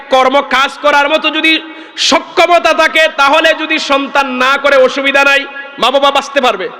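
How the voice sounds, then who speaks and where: A man's voice: extremely high pitch, sharp tone, big-room sound. A man preaching a sermon with fervor, chanting verses and calling out to the crowd. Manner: fervent, chanting Quranic verses, calls out to the crowd.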